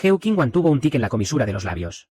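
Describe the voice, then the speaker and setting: A man narrating a fantasy comic recap in first person, with rapid, animated scripted storytelling. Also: medium pitch.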